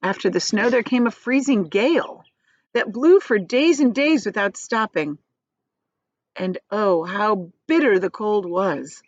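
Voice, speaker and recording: A woman reads a children's novel aloud the way a teacher would, giving expressive storybook narration. Her mid-range voice is unhurried. The audio has no echo but sounds dull.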